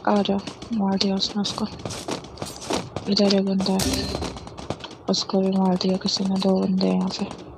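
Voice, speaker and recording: A woman's voice: mid-range voice, monotone, unhurried, gravelly, pauses often, background noise. A woman chatting casually with a teammate during an online game, giving matter-of-fact reports. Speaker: gaming teammate. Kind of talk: casual team chat while gaming.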